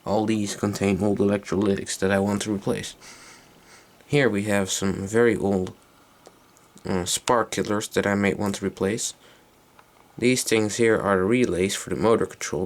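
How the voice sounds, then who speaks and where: Speaking on the low side with vocal fry, a man demonstrates a tape recorder as an electronics hobbyist. The demo is hands-on, casual and unscripted, and he hesitates as he thinks aloud.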